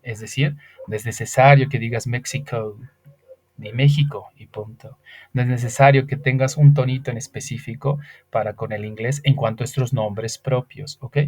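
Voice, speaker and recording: A man whose first language is Spanish leads an English grammar lesson at a mid-range pitch. He takes each point step by step and patiently asks the class questions he then answers himself. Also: steady tone, normal speed, a little mellow. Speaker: English teacher.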